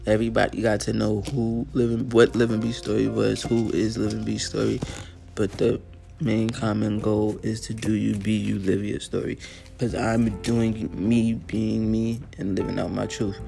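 A man hosting his own show, telling a personal story in an earnest, casual way, often clearing his throat and using fillers, sounding a little tired. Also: lowish voice, little pitch movement, normal speed, mellow, faint music behind. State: tired, yawning. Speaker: podcast host.

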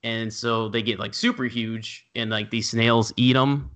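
A man co-hosting a casual podcast, relaxed and loosely searching for words as he describes films. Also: medium pitch, measured pace, clear, resonant tone. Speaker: podcast co-host. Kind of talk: casual chat.

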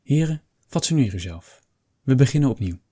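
Guy putting on a bossy young king, snappy commands, kinda husky, dry sound. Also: medium pitch, very animated, normal speed, mellow, no room sound, pitched above the performer's own voice. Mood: angry commanding. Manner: commanding, stern. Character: imperious young male king, quick-tempered.

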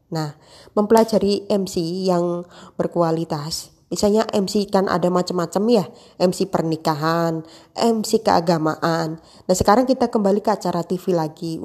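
A young woman, talking casually about wanting to become a show host, rambling with many fillers and pauses. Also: fairly low pitch, a little mellow. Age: young adult. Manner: rambling with many fillers, practicing emcee phrasing. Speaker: aspiring host. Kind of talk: casual monologue.

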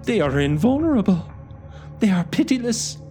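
A man voicing a frantic, half-mad male curate who wails and shouts in a high voice. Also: expressive, a little slow. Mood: panicked. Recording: music playing behind.

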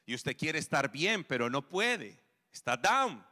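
A pastor preaching a sermon, whose delivery swings between emphatic raised calls and quiet, hushed stretches. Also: male voice, a little high, sing-song, unhurried, big-room sound. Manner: preaching with rising emphatic calls and soft drops.

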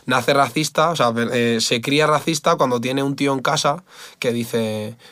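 Man, fighter guest, blunt casual talk, dry close sound, middle pitch. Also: normal speed, pushed and bright, dry recording. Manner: candid and blunt, swears often, says "tío" and "¿sabes?" a lot. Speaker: MMA fighter, podcast guest.

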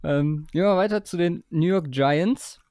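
A man's voice: on the high side, normal speed, darkish tone, dry recording. Man, podcast host, dry close recording, hesitant, many fillers. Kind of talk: casual sports chat.

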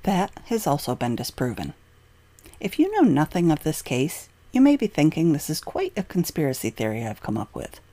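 A woman giving scripted true crime narration in an emphatic, expressive way. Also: sits low, normal speed, dry recording.

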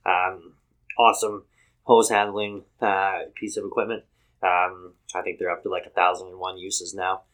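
A man's voice: low voice, flat delivery, fairly bright tone, poor audio. A man co-hosting a podcast, talking casually through sponsor mentions with lots of ums and uhs. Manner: halting, many fillers, reads sponsor plugs. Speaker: podcast co-host.

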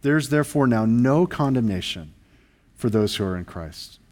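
A man's voice: mid-range voice, lively intonation, moderate pace, darkish tone. A male pastor preaching a sermon, earnest and emphatic, asking the congregation rhetorical questions.

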